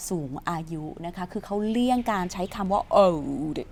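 A woman's voice: on the low side, lively intonation, normal speed, creaky, darkish tone, slight background noise. A woman teaching English from a news story in a chatty, playful way, quizzing her viewers and answering herself, and reading English.

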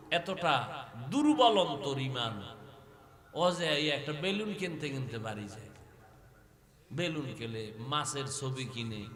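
A man preaching a waz sermon under a pandal, chanting melodically and swinging from soft passages to loud, dramatic exclamations. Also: on the high side. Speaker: Islamic preacher. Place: religious gathering under a pandal. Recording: echoey hall with long reverb.

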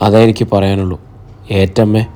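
A man voicing a calm, good-natured young man in an audiobook, reassuring his mother and sister. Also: on the low side, normal speed, lightly acted.

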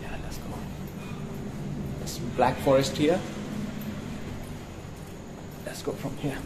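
A Nepali man in his thirties vlogs casually on a phone held at arm's length, speaking upbeat and directly to his viewers in a steady, mid-range voice at a slow pace. He moves through streets, a stairwell and a gym at dawn before ending up in a bedroom. The phone audio carries clear background noise.

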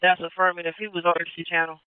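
A man's voice: on the high side, monotone, rapid-fire, smooth, phone-quality sound. A man working as a fire dispatcher, giving clipped, procedural, urgent firefighter radio calls. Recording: noisy band-limited radio with clicks.

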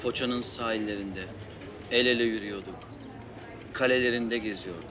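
A man at a café who pleads with his partner and keeps trying to calm her down. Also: fairly low pitch, normal speed, background noise. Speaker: husband in on the prank.

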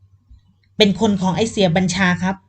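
A woman's voice: medium pitch, flat delivery, moderate pace, lightly acted. A woman voicing a loyal male henchman who reports politely to his boss. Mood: deferential. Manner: deferential and polite.

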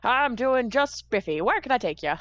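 A woman's voice: a little high, big pitch swings, moderate pace, a bit bright, muffled recording, voice pushed up. A woman voicing a cheerful male cab driver in a tabletop game, using a put-on accent. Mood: chipper.

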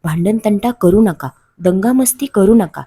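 A kindly old mountain who greets every creature as family, voiced by a woman narrator. His voice is mellow and a little breathy, raised just a touch above her reading voice. It sounds like a classroom storybook being read aloud. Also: medium pitch, expressive, unhurried. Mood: cheerful. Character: kind, gentle old grandfatherly mountain, male.

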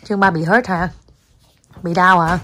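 Chatty Southern Vietnamese mom, low voice. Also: female voice, steady tone, measured pace, pushed and bright. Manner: coaxing, chatty, mixes in English words. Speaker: mother vlogging with her child. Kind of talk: casual family vlog chat. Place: home, indoors.

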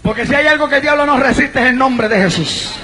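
A man evangelist preaching a sermon to a congregation, telling a dramatic story, shouting and calling out to the people. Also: extremely high pitch, a little fast, background noise. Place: church before a congregation.

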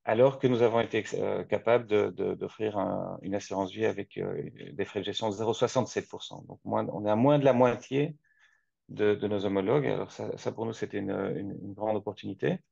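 A man from Belgium in his forties, speaking in a measured way with frequent restarts, interviewed over a video call from his office. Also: lowish voice, steady tone, gravelly, dark tone, breathy edge, dry recording. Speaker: guest, company co-founder. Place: office, seated at a desk. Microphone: webcam on a video call. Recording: dull lo-fi video call audio.

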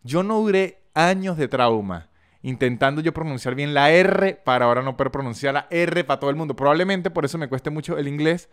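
A man's voice: a little high, a little fast. A man with a Venezuelan Andean accent hosting a casual podcast, talking in a chatty, jokey way with frequent stumbles and restarts. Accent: Venezuelan Andean, San Cristóbal. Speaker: podcast host. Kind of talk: casual podcast monologue with ad reads.

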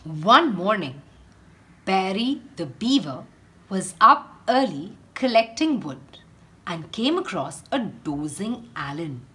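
Very slow, lively storytelling woman. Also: medium pitch. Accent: Indian English. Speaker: teacher reading aloud. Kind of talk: picture book read-aloud.

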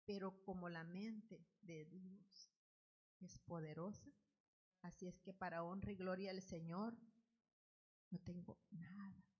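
A woman giving an earnest spoken testimony at the altar of a church, in unhurried, loosely strung phrases. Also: on the low side, fairly even intonation, slightly rough, highs cut off. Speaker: church member giving testimony, Bible study leader.

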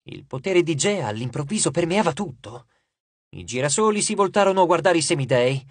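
A male audiobook narrator tells the story with dramatic flair, his pitch rising and falling widely. His voice sits a little high with a husky texture. He is recorded close on a studio microphone in a dry booth. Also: expressive, a little fast, no echo.

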